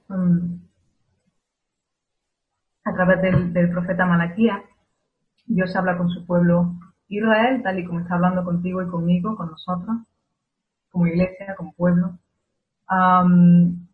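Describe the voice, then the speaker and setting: A woman from Spain with a Spanish accent giving a sermon, measured and reflective, asking her listeners a string of rhetorical questions. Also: lowish voice. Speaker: preacher. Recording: tinny phone-like sound.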